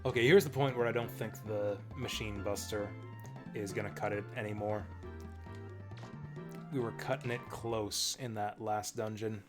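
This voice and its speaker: A man's voice: fairly low pitch, steady tone, normal speed. A man streaming a game, giving casual, rambling, enthusiastic fan commentary. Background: video game music and dialogue.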